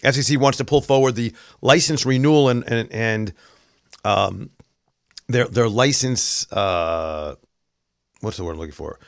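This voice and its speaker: A man's voice: mid-range voice, measured pace, creaky, dry recording. A male talk host from New York with a mid-range voice in a dry, close studio sound. He rambles through the news in a casual way and drops in sarcastic, wry asides. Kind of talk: casual political commentary.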